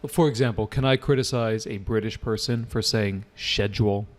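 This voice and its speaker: A man's voice: mid-range voice, fairly even intonation, moderate pace. A man teaching an IELTS class live online, casual and often checking with his students. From United States. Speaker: IELTS tutor.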